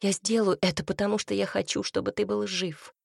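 A woman's voice: medium pitch, little pitch movement, a little fast, gravelly, breathy edge, no room sound, studio quality. A woman reading the part of a self-sacrificing young woman in a storybook, speaking in an earnest, pleading way.

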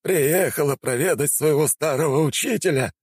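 A man's voice: a little high, moderate pace, breathy edge, no room sound, clean studio sound, voice pushed up. A man voicing a jovial elderly male teacher in an audiobook, drawling and exclaiming heartily. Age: older. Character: spry old male teacher, jovial and warm.

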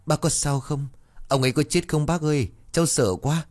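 A man's voice: mid-range voice, moderate pace, darkish tone, voice pushed up, lightly acted. A man voicing a small young girl, frightened yet spirited, in a storybook reading.

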